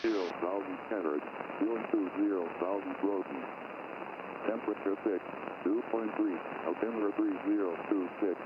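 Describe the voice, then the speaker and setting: A man's voice on an airport weather broadcast heard over an aircraft radio, reading weather figures in a flat, steady, repetitive way. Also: low voice, normal speed. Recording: tinny radio with loud static.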